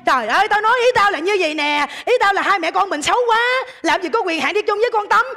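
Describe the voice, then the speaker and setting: A comedian playing a vain, bossy stepmother who scolds and bickers loudly in a stage comedy. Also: extremely high pitch, animated, fast talker, creaky, exaggerated voice. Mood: scolding. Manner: loud, quarrelsome, mock-scolding.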